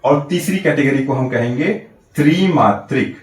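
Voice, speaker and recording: A man's voice: mid-range voice, animated, moderate pace, far from the mic. A male teacher giving an exam-prep grammar lesson, explaining step by step with rhetorical check-ins and drawing out vowels to demonstrate. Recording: roomy, from off the mic.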